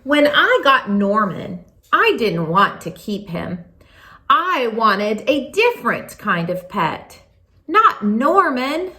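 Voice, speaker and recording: A woman reads a children's story aloud in an expressive, animated way, leaning on words for emphasis. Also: a little high, slow pace, reverberant. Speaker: storybook reader.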